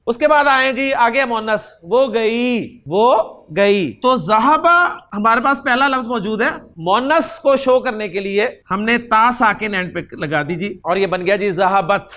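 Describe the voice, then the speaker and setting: An Arabic grammar teacher, reciting verb conjugations aloud and quizzing the class with quick questions. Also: medium pitch, a bit bright.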